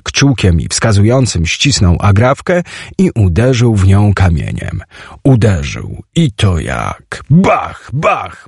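A man narrating a story in the first person, in a vivid, expressive storytelling manner, close to a studio mic. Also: on the low side, vocal fry, slightly rough, dry recording. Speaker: audiobook narrator.

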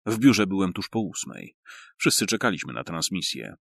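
A man's voice: low-pitched, very animated, normal speed, creaky, a bit bright, no room sound, studio quality. A man reading a first-person audiobook story in a wry, storytelling manner. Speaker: audiobook reader.

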